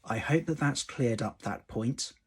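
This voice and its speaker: Husky solicitor explaining calmly. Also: male voice, medium pitch. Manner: measured, stresses key words. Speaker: employment law solicitor. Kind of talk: explanatory video talk to camera.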